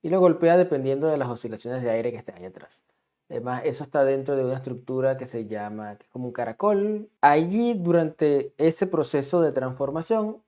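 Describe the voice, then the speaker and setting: Man, music teacher, mellow warm tone, patient explanatory lesson, frequent check-ins. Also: fairly high pitch. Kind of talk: explanatory lesson, drawing on a diagram.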